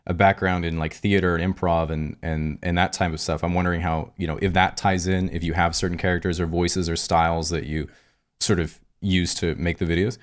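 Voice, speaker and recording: A man's voice: deep voice, flat delivery, a little fast. A man hosting a podcast, asking long, meandering and reflective questions in casual conversation. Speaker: podcast host.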